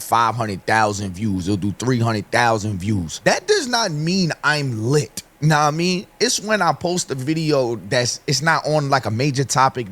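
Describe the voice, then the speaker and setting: Opinionated man with a dry, hoarse voice. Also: medium pitch, a bit bright. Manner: opinionated, conversational, addresses viewers directly. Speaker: online commentator. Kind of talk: opinion commentary video.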